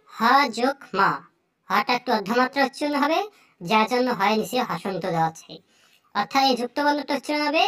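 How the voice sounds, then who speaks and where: Young high-voiced Bengali teacher. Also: fairly bright tone. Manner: slow, repeats each word several times. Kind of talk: teaching Sanskrit pronunciation.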